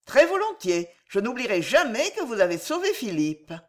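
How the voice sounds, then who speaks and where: A quick-witted young woman full of playful mockery, her lines rising high and lively as she banters, voiced by a woman reading a storybook. Her speech swoops and sparkles. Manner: playful, mocking, bright. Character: witty, teasing young woman, quick to laugh.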